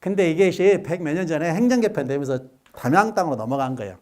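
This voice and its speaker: A man's voice: fairly high pitch, lively intonation, fast, darkish tone. A middle-aged lecturer talks to a live audience. His voice rises and falls a great deal. He cracks jokes, fires questions at the crowd and leads them in repeating words back. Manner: joking, quizzes the audience and has them repeat after him.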